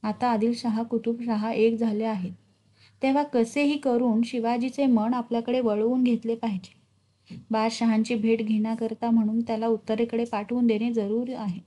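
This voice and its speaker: A woman giving scripted narration of a historical novel in a steady, even storytelling voice. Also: on the high side, moderate pace.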